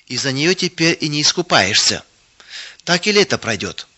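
Man doing a sulky jealous girl, grumbling, bright tone, muffled recording. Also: a little high, very animated, normal speed, heavily acted.

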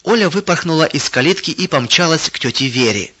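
Bright-voiced man narrating a storybook. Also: a little high, lively intonation, fairly quick, highs cut off.

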